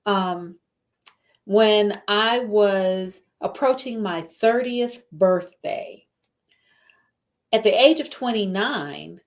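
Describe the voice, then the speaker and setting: Slow, deliberate woman coaching on change. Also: medium pitch. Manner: slow, deliberate, repeats phrases for emphasis; addresses the listener directly with check-in questions. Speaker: life coach hosting a live podcast. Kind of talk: motivational talk.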